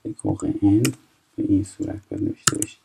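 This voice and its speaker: A twenty-something man from Iran leads a recorded French lesson, giving step-by-step explanations and reading French phrases slowly before translating. There's noise in the background.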